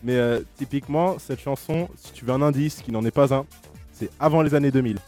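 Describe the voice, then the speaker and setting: A man in his twenties with a mid-range, a little mellow voice hosts a radio blind test, talking a little fast in casual chat with faint music behind him. He's teasing and playful and laughs often.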